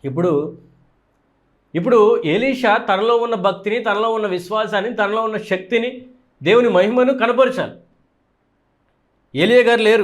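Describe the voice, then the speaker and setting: A man with a Telugu accent preaching a sermon, asking rhetorical questions and repeating phrases for emphasis. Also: high voice.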